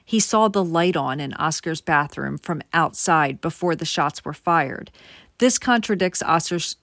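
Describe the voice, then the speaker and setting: Female true crime host, casual direct narration, low-pitched, dry booth sound. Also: a bit bright, no echo. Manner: conversational, addresses viewers directly.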